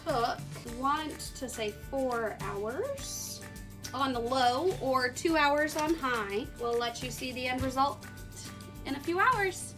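A woman's voice: high-pitched, slow pace, over music. Chatty woman cooking in her kitchen. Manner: friendly, chatty, relaxed with fillers. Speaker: youth club membership coordinator hosting a cooking video. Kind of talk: casual home cooking demo. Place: home kitchen, indoors. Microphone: phone camera held by her son.

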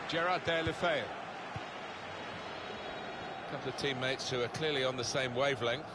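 A man doing brisk play-by-play football commentary for a game, rising sharply on shots and goals. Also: medium pitch. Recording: loud game noise behind.

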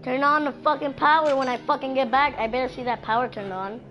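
A woman giving frustrated, swearing commentary while she plays a game, often yelling at her teammates. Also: high voice, fairly even intonation, fast talker. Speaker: gamer. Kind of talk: live gameplay commentary. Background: loud game music.

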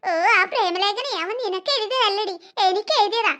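A jealous teenage girl from a cartoon story, voiced by a woman, muttering her plots in a sly, mocking way. The voice sits very high and bright, with a sharp edge. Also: moderate pace. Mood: scheming. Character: scheming jealous teenage girl plotting revenge.

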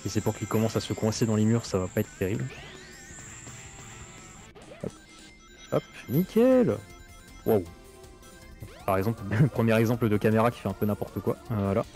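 A man's voice: fairly low pitch, animated, normal speed, pauses often, mellow, faint music behind. A man giving chatty gameplay commentary through an 8-bit bitcrushed voice filter, reacting to the game as he plays. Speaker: gaming streamer.

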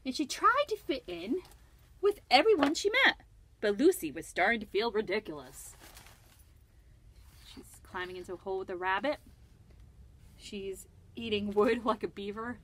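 A woman librarian reading a picture book aloud to children, gently asking them questions and laughing often. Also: mid-range voice, lively intonation, moderate pace, long pauses. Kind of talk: storytime read-aloud for children.

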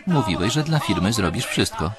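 A man's voice: lowish voice, very animated, a little fast. A man reading every character's lines in one voice, as the voice-over of a dubbed series. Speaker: voice-over reader. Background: series soundtrack music and dialogue.

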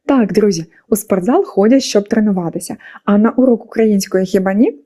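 A woman teacher narrates a scripted lesson for young pupils. Her voice is warm and mellow, and her pitch sits in an ordinary middle range. She explains patiently and keeps turning to the class with questions. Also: a little fast. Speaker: school teacher.

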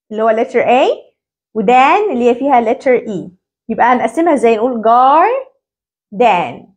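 Egyptian lady teaching english to parents, bouncy voice that swoops up and down, says each word over and over. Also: high-pitched. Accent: Egyptian Arabic. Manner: animated, drills words by repeating them slowly. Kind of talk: English phonics lesson for parents.

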